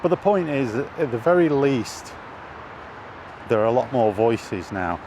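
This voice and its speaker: Here a middle-aged British man vlogs on foot through an urban area, rambling casually and frequently hesitating as he thinks. His medium-pitched voice swings widely in pitch at a measured pace, while vehicles and street noise are plainly audible in the noisy recording.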